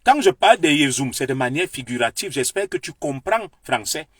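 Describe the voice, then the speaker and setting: Speaking a little fast in a fairly high, sing-song voice with a fairly bright tone, this Cameroonian man lectures his viewers in an impassioned political monologue. He has a Beti French accent and works as a political commentator, and his heated, declamatory delivery is captured in a dry, clean studio recording.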